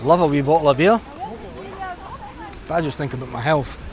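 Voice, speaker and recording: Vlogging as he walks along a busy seafront, a middle-aged man from Scotland rambles in a casual, reflective, chatty way. His voice is a little high and a little fast, and behind it are a crowd, street noise and traffic.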